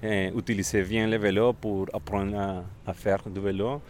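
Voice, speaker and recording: A man from Colombia with a Colombian Spanish accent, giving interview answers in halting non-native French and searching for words. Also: fairly low pitch, level tone, a little hiss or hum. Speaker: volunteer bike mechanic.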